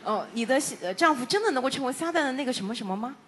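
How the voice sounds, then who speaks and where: A woman interpreting a sermon phrase by phrase in a church, in a measured, unhurried way. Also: high-pitched, lively intonation, fairly bright tone, a little hiss or hum. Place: church sanctuary.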